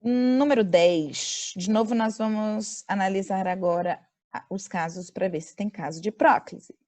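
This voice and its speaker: A woman with a Brazilian accent teaching an online grammar class over a video call. She slows down to dictate example sentences and quizzes her students. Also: medium pitch, darkish tone. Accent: Brazilian Portuguese.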